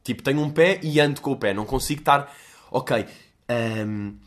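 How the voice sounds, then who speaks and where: Mid-range in pitch and normal in speed, this young man speaks with a European Portuguese accent. As host of a casual solo podcast, he drifts from point to point, ribs himself, and curses plenty.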